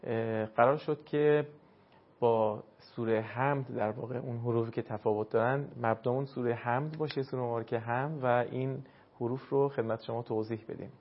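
A man's voice: medium pitch, steady tone. Man teaching letter pronunciation. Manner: patient, explains and demonstrates sounds slowly. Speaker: Quran recitation teacher. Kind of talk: instructional lesson. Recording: dull lo-fi recording.

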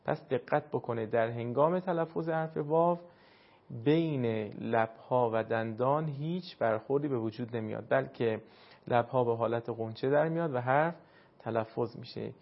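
A man teaching pronunciation of Arabic letters for recitation, patiently explaining and slowly demonstrating sounds. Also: medium pitch. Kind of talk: instructional lesson. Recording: dull lo-fi recording.

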